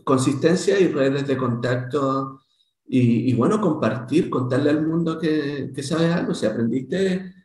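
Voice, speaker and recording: A man from Chile, a guest consultant talking in a casual interview, animated and talkative. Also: fairly high pitch, measured pace, echoey room. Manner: animated, talkative, many restarts. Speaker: guest, SAP SuccessFactors consultant.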